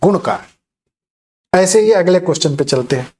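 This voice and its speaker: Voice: mid-range voice, animated, moderate pace, a little mellow. A teacher giving an exam-prep grammar lecture, explaining step by step and often checking in with listeners. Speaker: Hindi teacher.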